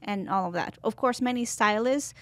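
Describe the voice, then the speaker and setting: A Colombian-born woman in her twenties, a guest barber in a podcast interview, telling her story in a thoughtful, lightly halting way. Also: a little high, a bit bright, no echo. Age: 20s. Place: podcast studio.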